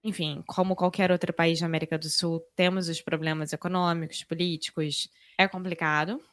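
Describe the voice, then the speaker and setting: A woman's voice: on the low side, level tone, a little fast, dry recording, clean studio sound. A Brazilian woman co-hosting a podcast in casual conversation, speaking expressively and emphatically. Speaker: podcast co-host.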